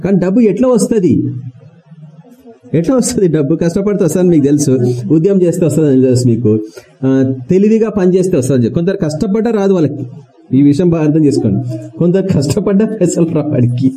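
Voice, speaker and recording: Preacher man with a very dark voice. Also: fairly high pitch, animated, quick pace, rough recording. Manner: rhetorical questions to the congregation; repeats key words for emphasis. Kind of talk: sermon.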